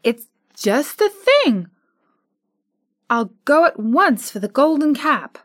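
A woman voicing a high, eager little girl. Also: sing-song, takes it slowly, fairly bright tone, no room sound, clean studio sound, exaggerated voice. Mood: joyful. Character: eager young girl far from home.

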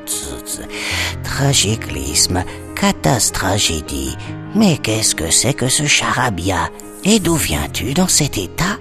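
A woman voicing a wise, kindly old female snake who speaks slowly and thoughtfully in a children's story. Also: a bass voice, huge pitch swings, music in the background, full character voice. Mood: scolding. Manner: slow, thoughtful, gently scolding. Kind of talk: storybook acting.

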